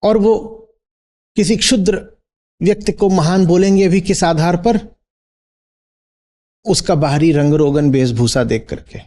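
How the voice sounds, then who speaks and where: A man's voice: high-pitched, a little slow, long pauses, mellow. A man teaching as a spiritual teacher in a discourse, posing rhetorical questions and checking in with his listeners.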